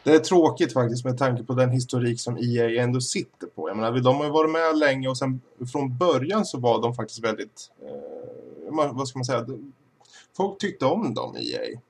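Gravelly husky male podcast host. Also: mid-range voice, expressive, darkish tone. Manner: measured, steers the talk. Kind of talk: casual chat.

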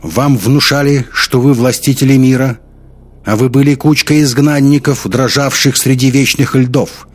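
A man's voice: medium pitch, fairly even intonation, voice pushed up, natural voice. A man doing a commanding wounded orator. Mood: accusing, commanding. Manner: loud, resonant, slow oratory. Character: wounded male billionaire, commanding and persuasive.

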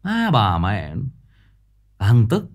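A man's voice: huge pitch swings, drawn-out words. A man chatting casually with viewers on a livestream, blunt and familiar, swearing offhand and repeating words as he goes. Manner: gets loud and high when worked up. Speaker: livestream host.

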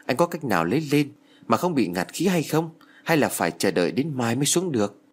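A man's voice: mid-range voice, big pitch swings, a little fast, a little hiss or hum, lightly acted. A man voicing a worried middle-aged father who asks urgent questions.

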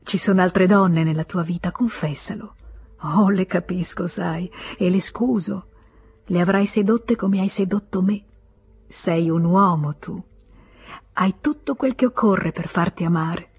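Una donna che dà voce a una giovane innamorata appassionata e disperata, con tono supplichevole. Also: female voice, fairly low pitch, a little slow, slightly rough, full character voice. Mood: coaxing. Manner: pleading, breathless. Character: passionate desperate young woman, pleading lover.

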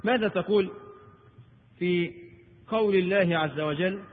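A man preaching a lecture in Egyptian Arabic, animated and rhetorical, asking and answering his own questions. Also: high voice, unhurried. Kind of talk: recorded Islamic lecture. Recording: tinny old tape in a reverberant hall.

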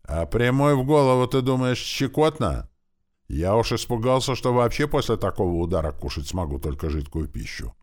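A man voicing a rough, brash young male orc warrior in an audiobook, talking in a blustering, boisterous way. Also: low-pitched, a little fast, few pauses. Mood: indignant.

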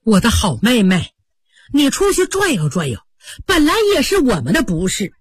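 A woman's voice: on the high side, wildly swooping pitch, moderate pace, breathy edge, no echo, studio quality, heavily acted. A woman voicing a patient young senior maid who speaks in a placating, reasoning way.

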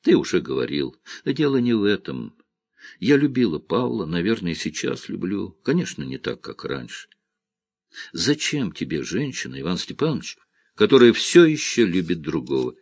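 A cheerful young village woman who laughs off her troubles and teases gently, read by a man. Her lines come lively and lightly mocking, in a fairly low voice. The sound is dry and close, with no room around it. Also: normal speed, husky, dry recording, full character voice. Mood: soft.

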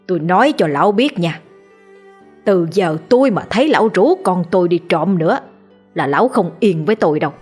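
Lady doing a furious old dad yelling at his son, shrill, rapid-fire, fast. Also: expressive, husky, faint music behind. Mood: angry scolding. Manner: shrill and ranting. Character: furious scolding old village father.

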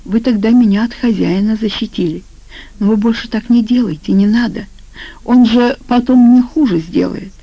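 A woman's voice: on the high side, normal speed, dark tone, dry recording, highs cut off, voice pushed up. A woman voicing a frightened young woman servant who speaks timidly and pleads. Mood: pleading.

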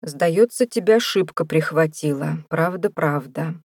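Woman doing a gruff mocking prison warder. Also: low voice, measured pace, a little mellow, no echo, studio quality, heavily acted. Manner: rough, taunting, bossy.

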